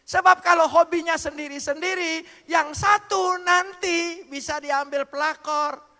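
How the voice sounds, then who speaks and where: A man's voice: very high voice, steady tone, a little slow, sharp tone. A male pastor gives a playful sermon to his congregation, joking and spelling out words. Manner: playful preaching with jokes and wordplay, addressing the congregation. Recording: long hall reverb.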